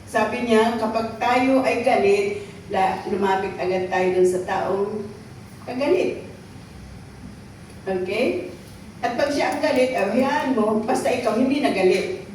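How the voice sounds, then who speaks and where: A woman's voice: on the high side, unhurried, pauses often, darkish tone, a little hiss or hum. A Filipino woman preaching a sermon, often checking in with the congregation by asking "okay?" and "right?". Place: church hall. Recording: echoey hall recorded from far off.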